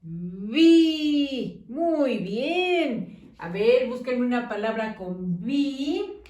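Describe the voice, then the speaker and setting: A high, lively woman's voice that stretches every syllable very slowly. She is teaching children phonics, repeating syllables in a sing-song way and praising often. She sounds a bit away from the mic in an echoey room. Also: distant mic.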